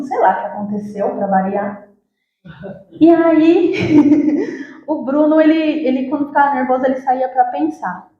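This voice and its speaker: A woman with a Brazilian accent preaching a sermon, telling a personal story and acting out the dialogue while addressing the congregation. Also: high-pitched. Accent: Brazilian Portuguese. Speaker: church worker preaching. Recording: very echoey, dull lo-fi sound.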